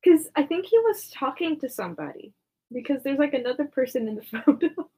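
A woman's voice: high voice, big pitch swings, brisk, dark tone. A young woman chatting casually, giggly and teasing, with a blunt way of egging her friend on. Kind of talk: casual chat.

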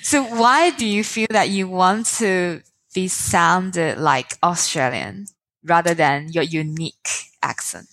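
A woman host conducts an interview with brief, direct questions. Her voice sits in a middle pitch and sounds dry, with no room echo. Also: lively intonation, takes it slowly, fairly bright tone.

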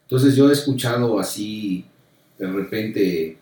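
A man from Mexico with a Mexican accent, a pastor in a casual conversation about faith, animated and repeating himself as he acts out quotes. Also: lowish voice, measured pace. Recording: very echoey room, distant mic.

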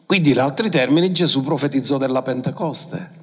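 A man's voice: mid-range voice, a little fast, husky, in a large hall. A man preaching a sermon to a congregation, emphatic, quoting scripture and asking the listeners questions. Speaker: pastor.

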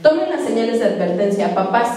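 A woman preaching a sermon, retelling conversations in animated, lively voices. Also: fairly high pitch, brisk. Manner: animated storytelling, voicing both sides of conversations. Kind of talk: sermon with retold dialogue. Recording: echoey hall, voice from far off.

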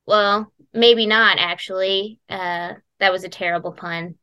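A woman's voice: mid-range voice, steady tone, measured pace, sharp tone, smooth. A woman hosting a casual podcast chat, hesitant and full of ums and uhs. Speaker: podcast host.

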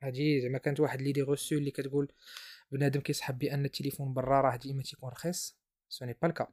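A man's voice: medium pitch, little pitch movement, racing, darkish tone. A man with a Moroccan Arabic accent hosting an informal explainer podcast, mixing French terms into his speech. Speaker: podcast host.

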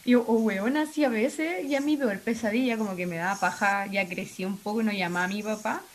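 A woman's voice: medium pitch, fairly quick. A young woman with a Chilean accent, chatting casually and dramatically, with lots of slang. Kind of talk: casual chat.

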